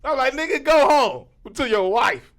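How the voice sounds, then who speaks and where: A man's voice: very high voice, measured pace. A man about forty, co-hosting a casual podcast chat, telling stories with acted-out quotes and frequent laughs. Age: 40s. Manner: animated storytelling, acts out quotes, laughs often. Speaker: podcast co-host.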